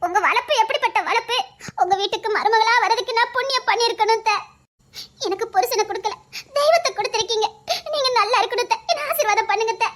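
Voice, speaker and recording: A woman voicing a sly, flattering young wife in an animated story, with a sweet, wheedling way of pleading. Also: very high-pitched, fast talker.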